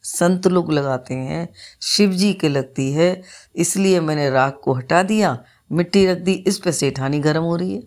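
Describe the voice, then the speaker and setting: A woman doing a calm, wise boy Ganesh. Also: on the high side, a little slow. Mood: calm explaining. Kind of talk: folk tale storytelling.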